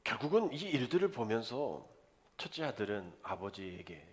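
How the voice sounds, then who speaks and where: A male pastor preaching a sermon, acting out the characters' words in lively dialogue. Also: lowish voice, moderate pace. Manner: animated preaching, acts out the father and son in dialogue.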